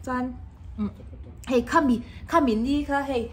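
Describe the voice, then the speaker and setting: Chatty young woman, higher voice. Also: normal speed, slight background noise. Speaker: vlogger, half of a married couple. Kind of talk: casual chat.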